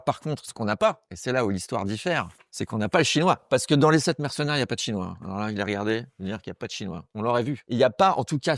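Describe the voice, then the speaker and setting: A man delivering a rambling, slangy comic monologue to camera, crude and excitable, dropping into quick voices. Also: medium pitch, no echo, clean studio sound. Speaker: comedic monologue host. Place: small room, close to camera.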